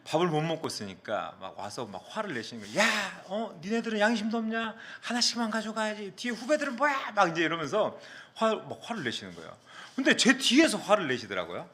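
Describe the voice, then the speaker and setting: A male pastor from the Mokpo area of South Korea, preaching a sermon and telling a personal story in an animated way that acts out the quotes. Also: mid-range voice.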